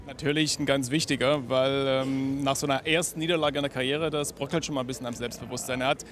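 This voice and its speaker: A man's voice: mid-range voice, steady tone, fast talker, fairly bright tone. A man in his forties giving live pre-fight analysis as a boxing commentator at ringside. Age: 40s. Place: ringside in an event hall. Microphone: handheld reporter microphone. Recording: busy event hall with crowd noise.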